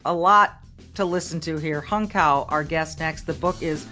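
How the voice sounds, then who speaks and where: A woman's voice: sits low, moderate pace, music in the background. A middle-aged woman hosting an interview podcast, introducing her guest in an upbeat, conversational way from a home office studio mic. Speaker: podcast host. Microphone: studio microphone on arm.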